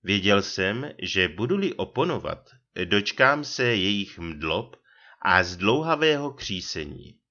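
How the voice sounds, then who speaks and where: A man's voice: fairly low pitch, big pitch swings, sharp tone, dull audio. A man reading a humorous short story aloud with dry, ironic delivery. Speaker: audiobook reader.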